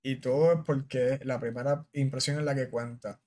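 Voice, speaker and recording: A man's voice: mid-range voice, steady tone, normal speed, a little mellow. A man from Puerto Rico with a Puerto Rican Spanish accent, hosting a podcast interview in casual, earnest talk that often restarts and repeats words. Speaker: podcast host, army officer.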